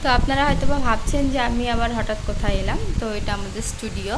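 A woman's voice: on the high side, quick pace. A woman, chatting casually to her viewers as a mother and vlogger. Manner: chatty, addresses viewers directly. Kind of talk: casual vlog talk to viewers. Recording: noisy handheld recording.

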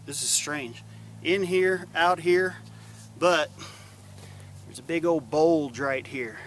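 A slightly high, somewhat bright voice belongs to a man in his forties hosting his channel's casual vlog, talking slowly and plainly to a camera at close range. The setting shifts from a yard outdoors to a workshop indoors, and a bit of hiss or hum can be heard.

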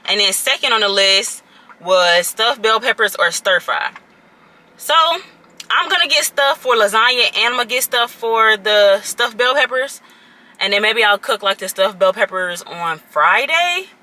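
A woman's voice: mid-range voice, lively intonation, unhurried, pushed and bright. A young woman chatting casually to her viewers while cooking in a home kitchen, calling them y'all again and again. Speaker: vlogger.

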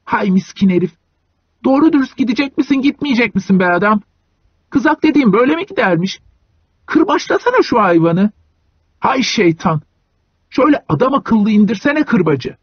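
A shrill, quavering hunchbacked young man, as a male audiobook reader puts him on, barking insults and bossing the driver around. The voice sits well above the reader's own, with a husky edge. The recording is dry and dull. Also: sing-song, moderate pace, no room sound, heavily acted. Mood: yelling, mocking. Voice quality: trembling, shrill. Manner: shouting insults, bossy.

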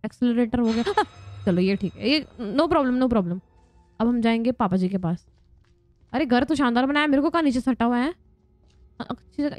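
A woman's voice: fairly high pitch, darkish tone, no echo. A young woman giving casual, joking gameplay commentary, chatty and prone to squealing laughs when scared. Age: young adult. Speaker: gaming vlogger.

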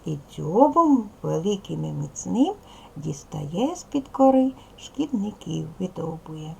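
Slow, very gravelly woman teacher. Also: fairly low pitch, sing-song, slight background noise, poor audio. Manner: patient, instructive, asks the class questions and praises answers. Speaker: primary school teacher. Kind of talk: recorded video lesson for young pupils.

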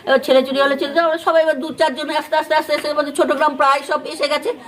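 High voiced west bengali lady telling a reporter what she saw, lots of ums and quoting everyone. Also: flat delivery, quick pace. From West Bengal, India. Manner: rambling retelling with many fillers and restarts; acts out others' words in quoted speech. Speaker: neighbour and eyewitness. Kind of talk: on-the-spot news interview.

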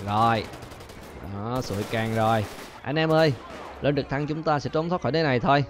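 A man hosting a gaming channel, chattering excitedly to viewers as he plays and repeating his phrases, with faint game gunfire behind him. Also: medium pitch, fairly quick, slight background noise. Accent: Vietnamese. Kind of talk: excited gameplay commentary.

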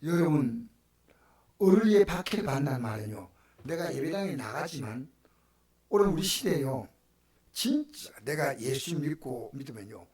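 An older pastor with a Gyeongsang Korean accent delivers a sermon, his voice dropping into breathy whispers and then rising into loud, fervent exclamations. His pitch sits in the middle of a man's range. The room around him is echoey, like a church sanctuary. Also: big pitch swings, normal speed.

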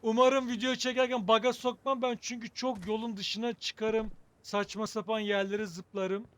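A man's voice: sits high, flat delivery, normal speed, a bit bright. A man hosting a gaming video with casual playthrough commentary, wry and joking as he thinks aloud.

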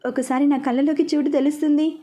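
A woman's voice: high-pitched, steady tone, quick pace, warm tone, natural voice. A woman voicing an affectionate young bride thanking her new husband in a read-aloud story. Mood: tender.

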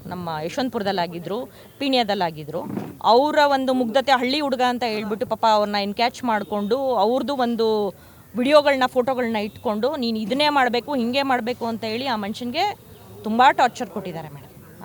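A woman from Karnataka, speaking at a press conference and making fierce, repetitive accusations. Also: fairly high pitch. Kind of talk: angry press statement.

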